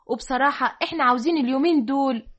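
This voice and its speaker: Bright, high-pitched Egyptian housewife. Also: female voice, racing, muffled recording. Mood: coaxing. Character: coaxing, exasperated middle-class wife and mistress. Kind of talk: old Egyptian radio comedy acting.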